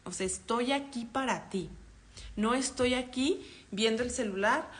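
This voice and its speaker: A woman psychologist with a Mexican accent, giving an online parenting workshop, explaining calmly and acting out example dialogues. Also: fairly high pitch, a little slow.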